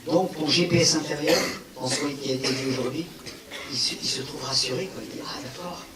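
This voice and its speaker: A man giving a public talk on non-violence, animated, with rhetorical questions and emphatic repetition, answering an audience's questions. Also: medium pitch, a little fast, distant mic, heavy background noise. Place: large hall with an audience. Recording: echoey hall, speaker away from the mic.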